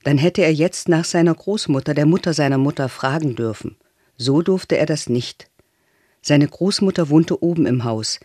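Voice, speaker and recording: A man calmly reading a novel aloud as narrator, in a measured way. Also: fairly high pitch, dry recording, clean studio sound. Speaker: audiobook reader.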